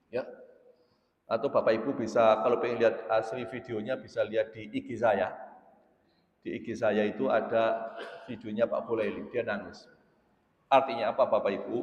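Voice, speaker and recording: Javanese-accented preacher in echoey hall. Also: male voice, medium pitch, highs cut off. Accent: East Javanese. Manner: storytelling, switches between Indonesian and Javanese, addresses audience often. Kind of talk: sermon.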